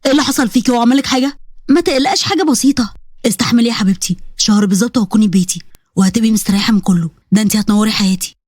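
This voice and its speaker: A woman voicing a devoted young man in love, speaking softly and reassuringly in an Egyptian accent. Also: on the high side, very fast, no echo, clean studio sound, pitched below the performer's own voice, natural voice. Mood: tender. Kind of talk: storybook voice acting.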